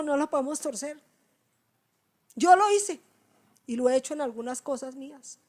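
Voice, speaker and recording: A woman's voice: high-pitched, a little mellow. A woman preaching a sermon, emphatic and repeating her phrases for effect. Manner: emphatic, repeats phrases, voices others' complaints.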